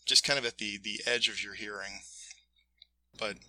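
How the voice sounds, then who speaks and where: A man acting as game master, narrating casually and haltingly, pausing to find his words. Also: fairly low pitch, steady tone, bright, forceful tone, dry recording, low-quality recording. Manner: halting, pausing mid-phrase to search for words.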